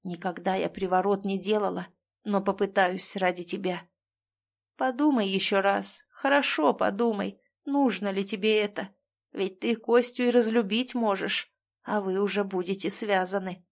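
A woman voicing an old village wise woman and grandmother, speaking calmly and earnestly. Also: mid-range voice, moderate pace, close to an everyday voice. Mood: earnest warning.

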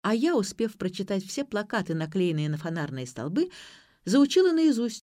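A woman narrating an audiobook with expressive, lively storytelling. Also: mid-range voice, normal speed, no echo, clean studio sound. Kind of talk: audiobook reading.

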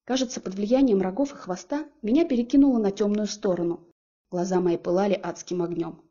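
A woman narrating a first-person audiobook in a lively, expressive storytelling manner. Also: mid-range voice, a little fast, slightly rough, highs cut off.

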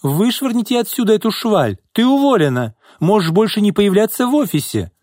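A man's voice: medium pitch, expressive, moderate pace, darkish tone, no room sound, voice pushed up, natural voice. A haughty, domineering businesswoman in an audiobook, put on by a male narrator in a raised voice. Her tone is cold and imperious, and it climbs into piercing, shrieking rage. The recording is close and dry. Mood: screaming. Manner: cold and haughty, turning to screaming fury. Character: shrill domineering businesswoman, middle-aged.

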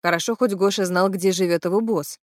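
A woman reading a first-person audiobook with lively, wry storytelling. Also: mid-range voice, a little fast, dry recording, studio quality. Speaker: audiobook narrator.

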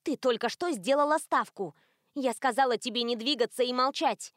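A woman reading an audiobook, voicing a stern woman friend who speaks curtly in a low hiss. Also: moderate pace, dry recording, clean studio sound, natural voice. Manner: hissing, curt. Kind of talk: audiobook character voice.

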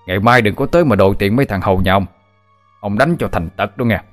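A male narrator playing a bullying servant who sneers and threatens on his master's behalf. The low voice is taunting. Faint music sits underneath. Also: fast talker, natural voice.

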